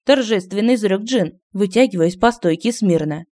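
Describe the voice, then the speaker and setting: A woman narrating a comic fantasy story. Her reading is lively and expressive, in a mid-range voice. Clear scripted audiobook narration. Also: medium pitch, normal speed. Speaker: audiobook reader.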